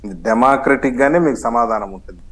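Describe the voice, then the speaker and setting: Brief: man debate guest, mid pitch, sarcastic and combative, switches between languages. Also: fairly quick, fairly bright tone, low-quality recording. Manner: combative, sarcastic, mixes in English phrases. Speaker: political party spokesman, debate guest. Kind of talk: heated TV news debate.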